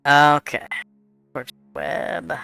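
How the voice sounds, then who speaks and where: Mężczyzna prowadzący grę fabularną jako mistrz gry, z głosem przepuszczonym przez filtr zmieniający go na kobiecy. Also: male voice, fairly high pitch, fairly even intonation, vocal fry, bright, forceful tone, clear, resonant tone, faint music behind, voice pushed up, full character voice. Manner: unhurried, explaining rules and scenes. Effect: female voice changer filter. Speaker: game master. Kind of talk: narrating an online tabletop game.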